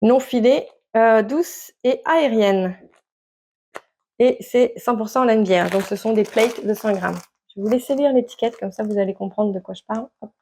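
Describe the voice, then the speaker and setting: A woman's voice: a little high, normal speed, dark tone. A woman chatting casually to camera about her knitting, hesitant with many fillers and restarts. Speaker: knitting vlogger. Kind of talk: casual show-and-tell chat to camera.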